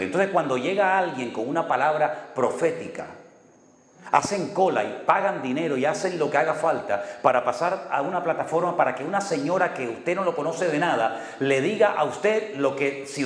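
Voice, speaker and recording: A man from preaching a sermon as a pastor, telling stories and acting out dialogue with dry humor. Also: fairly high pitch. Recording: echoey hall with long reverb.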